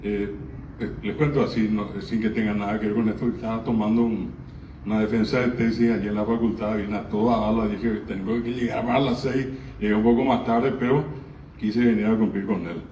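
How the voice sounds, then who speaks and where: A man's voice: lowish voice, fairly even intonation, brisk. A middle-aged man gives an informal public speech at a cultural event, greeting people and often hesitating. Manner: warm greetings with frequent hesitations. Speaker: guest speaker at a cultural event. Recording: echoey room, distant mic, dull and noisy.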